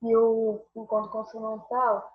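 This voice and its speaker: A woman's voice: on the high side, completely flat delivery, a little slow. A female student asking her teacher a question during an online class. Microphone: video call. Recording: dull video call audio.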